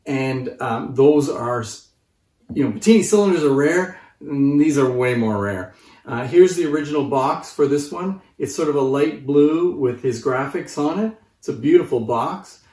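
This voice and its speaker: A man in his fifties, presenting and collecting antique phonographs, speaks informally to camera from a sofa in his living room in a conversational, explanatory style. His medium-pitched voice is a little mellow, with lively intonation and a moderate pace, recorded roomily through a distant microphone.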